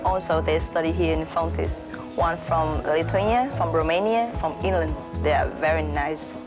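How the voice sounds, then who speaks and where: A woman's voice: low voice, moderate pace, music in the background. A female student speaking plainly in a video testimonial.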